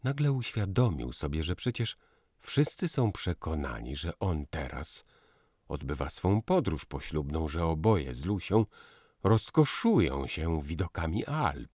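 A man reading a novel aloud in expressive, unhurried narration. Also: a bass voice, slightly rough, no echo, studio quality. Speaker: audiobook narrator. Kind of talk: scripted narration.

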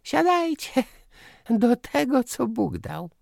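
A man voicing an elderly, pious aunt in a slow, sing-song falsetto. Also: wildly swooping pitch, no echo, studio quality, exaggerated voice.

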